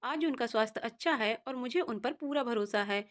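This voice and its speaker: A woman's voice: fairly high pitch, fairly quick, close to an everyday voice. A woman reading as an earnest, caring daughter. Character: caring married daughter, firm but polite.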